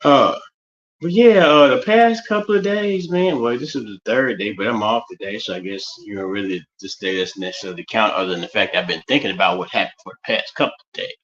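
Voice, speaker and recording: A man's voice: lowish voice, brisk, fairly bright tone, highs cut off. A man with a West Virginia Appalachian accent rambling through a casual livestream monologue, often repeating and restarting his phrases. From West Virginia, United States.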